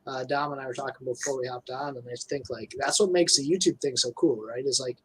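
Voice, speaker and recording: A thirty-year-old angler joins a live video call from home as a guest, chatting casually in a laid-back, colloquial way. His husky, mid-range voice moves at a quick pace.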